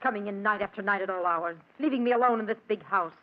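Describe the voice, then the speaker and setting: An actress in an old-time radio drama playing a bitter, nagging wife with a querulous, complaining delivery. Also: female voice, mid-range voice, quick pace, close to an everyday voice. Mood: nagging, accusing. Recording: dull, muffled old radio recording.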